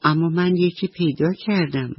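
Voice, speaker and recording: A woman voicing an excitable young puffer fish who tells fanciful stories. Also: deep voice, slightly rough, dry recording, highs cut off. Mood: eager. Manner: eager, boastful, insistent.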